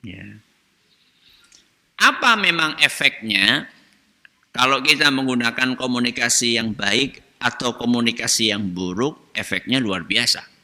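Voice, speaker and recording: A man's voice: medium pitch, animated, measured pace, pauses often, bright, forceful tone. A man giving a religious study lecture as a preacher, asking his audience questions and answering them himself. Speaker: Islamic preacher. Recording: long hall reverb.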